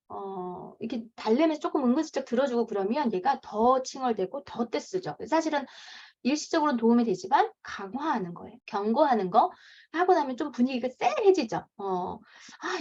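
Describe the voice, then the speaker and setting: Lively Korean woman lecturing on parenting. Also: fairly high pitch. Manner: lively, acts out parents' lines in a raised voice. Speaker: parenting coach giving an author lecture. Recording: dull lo-fi lecture recording.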